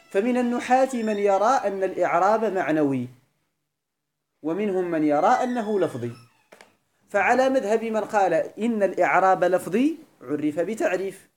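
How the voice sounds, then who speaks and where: Moroccan sheikh quizzing his students. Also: high-pitched. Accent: Moroccan Arabic. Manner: asks students questions and repeats definitions slowly. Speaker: sheikh teaching Arabic grammar. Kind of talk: classroom lecture. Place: classroom with students.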